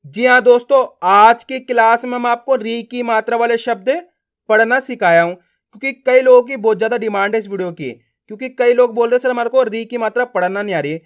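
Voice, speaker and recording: Man teaching reading, slow drilled syllables. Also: very high voice. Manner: slow drilled pronunciation, repeated prompts to learners. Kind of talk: classroom-style lesson.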